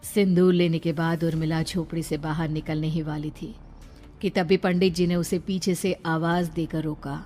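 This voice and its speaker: A woman's voice: sits low, little pitch movement, moderate pace, warm tone, soft background music. A woman narrator reading a scripted horror story.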